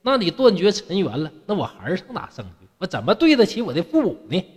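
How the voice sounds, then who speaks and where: A man's voice: high voice, huge pitch swings, fast, breathy edge, long reverb tail, full character voice. A man doing a breezy young scholar. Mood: playful. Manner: jokey colloquial retorts. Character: carefree young male scholar, easygoing and teasing.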